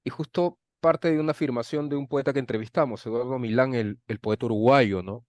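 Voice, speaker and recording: A man with a mid-range voice works as an interviewer, framing questions formally and deliberately. His delivery is measured, and the recording is dry with little room sound. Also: medium pitch, darkish tone, no room sound.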